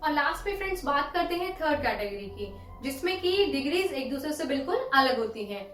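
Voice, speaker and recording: A woman teaching English grammar in a lesson, slowly spelling out word forms one by one. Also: high voice, very animated, reverberant, background noise. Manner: slow, deliberate dictation of word forms.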